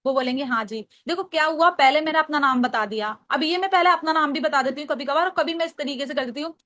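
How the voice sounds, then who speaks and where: A young woman from Agra with a high, bright-pitched voice and a Hindi accent. She coaches a team in casual Hindi mixed with English, acting out both sides of sample sales calls. Her explanations go step by step, repeating key lines so listeners can write them down. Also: quick pace. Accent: Hindi, from Agra, Uttar Pradesh. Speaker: trainer teaching call scripts. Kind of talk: casual training talk with role-played calls.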